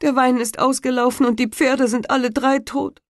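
A woman's voice: high voice, steady tone, normal speed, no echo, studio quality, voice pushed up. A woman voicing a despairing, hot-tempered male carter who laments aloud. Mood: lamenting.

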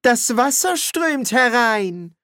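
A man voicing a stout, fussy elderly housekeeper woman in a high put-on voice, politely worried. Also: big pitch swings, slow pace, bright, forceful tone, dry recording, clean studio sound, full character voice. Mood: fretful. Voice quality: high put-on falsetto, slightly distant timbre.

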